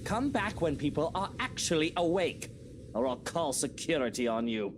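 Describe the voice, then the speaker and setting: A man's voice: on the high side, sing-song, moderate pace, noisy background, voice pushed up. A man voicing a stern grown man who curtly threatens to call security on a stranger.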